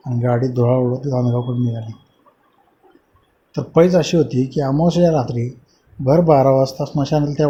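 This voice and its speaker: A man telling a horror story in a slow, dramatic storytelling manner, in a dull lo-fi recording with faint hiss. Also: mid-range voice, dark tone. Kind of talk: scripted horror narration.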